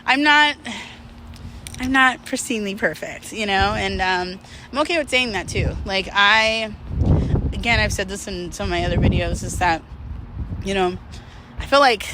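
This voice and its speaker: In a low-quality recording with slight background noise, a vlogger with a mid-range voice speaks at a moderate pace, pausing often, in a bright, forceful tone. She rambles candidly to camera in a confessional style, joking at her own expense and swearing freely.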